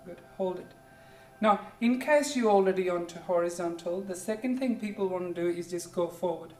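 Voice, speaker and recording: Guiding a yoga class with a pep talk, this Indian instructor in their forties speaks English as a second language, with Hindi or Punjabi as the mother tongue and an Indian accent. At medium pitch and normal speed, the cues are gentle, encouraging, simple and repeated, with "good" said often. A distant mic picks it up in an echoey room over faint music.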